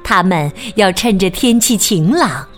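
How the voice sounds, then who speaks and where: A woman telling a children's story, gentle and expressive in her narration. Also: mid-range voice, unhurried. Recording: faint background music.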